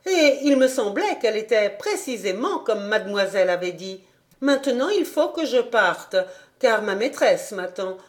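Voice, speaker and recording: A woman's voice: mid-range voice, very animated, normal speed, natural voice. A woman voicing an eager young country woman who chatters deferentially to her superior in a storybook reading.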